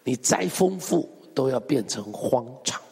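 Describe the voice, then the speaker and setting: A man's voice: mid-range voice, expressive, measured pace, vocal fry, a little mellow, husky, in a large hall. A male pastor preaching a sermon, emphatic and full of rhetorical questions to the congregation. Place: church hall.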